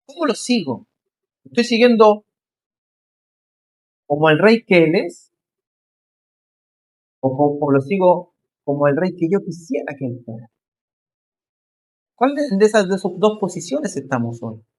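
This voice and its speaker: A male pastor preaching a sermon, rising into emphatic questions and slowing to stress key phrases. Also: high-pitched, big pitch swings.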